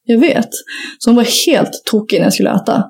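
A woman's voice: on the high side, gravelly, a little mellow, breathy edge. Chatty young woman telling a story. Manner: rambling storyteller, many fillers, swears casually. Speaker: podcast co-host. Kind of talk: casual chat.

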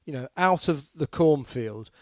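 A British man co-hosting a podcast, telling dog stories with halting starts that turn animated. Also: fairly high pitch, no room sound. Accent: British English. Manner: hesitant starts, then animated storytelling. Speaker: podcast co-host. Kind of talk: casual chat, anecdotes.

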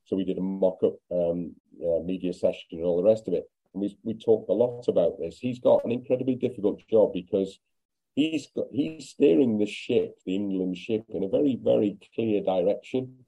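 Deep, dark-voiced man, slightly muffled audio. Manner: measured, thoughtful, wry. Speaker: football pundit guest. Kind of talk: podcast discussion.

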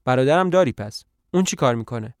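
A man's voice: mid-range voice, expressive, no room sound, studio quality, lightly acted. A man voicing a fretful, talkative older tramp who asks probing questions and coaxes his friend. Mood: questioning. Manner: probing questions, coaxing reassurance.

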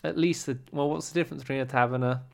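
A man's voice: medium pitch, fairly even intonation, racing, vocal fry. A young man co-hosting a podcast, chatting casually in a wry, teasing, rambling way. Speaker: podcast co-host. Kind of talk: casual chat.

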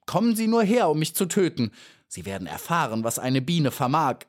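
A brave, proud little bee girl from a storybook, as a man narrator puts her on. Her voice sits well above a man's, high and earnest, and she speaks eagerly. She keeps her pride even when she pleads. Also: moderate pace. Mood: defiant.

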